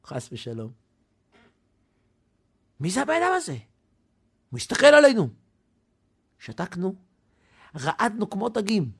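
Animated gravelly male preacher. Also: sits high, pauses often. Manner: dramatic, animated, swings from loud to hushed. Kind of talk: sermon storytelling.

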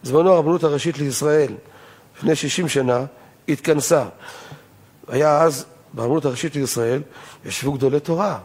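Older male rabbi, fairly high-pitched, emphatic lecturer for a Torah law lesson. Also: long pauses, a little mellow. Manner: emphatic, rhetorical questions, voice rising on key points.

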